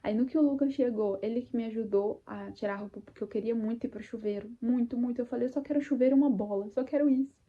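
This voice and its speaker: A young Brazilian woman casually and emotionally telling her own birth story to viewers, speaking warmly about her faith and acting out her own cries. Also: fairly high pitch, muffled recording. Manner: faith-filled, addresses viewers as "gente". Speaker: vlogger sharing birth story.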